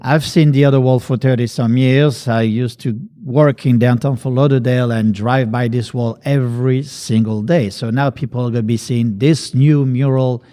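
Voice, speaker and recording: Mellow-voiced male podcast host. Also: medium pitch, steady tone, moderate pace, few pauses. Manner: chatty, affirming, asks leading questions. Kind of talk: casual interview.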